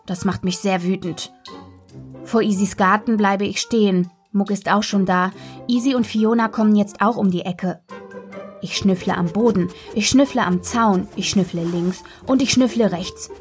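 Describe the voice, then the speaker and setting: A woman reading a children's story aloud in a gentle, playful way, narrating as a dog in the first person. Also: mid-range voice, moderate pace, faint music behind.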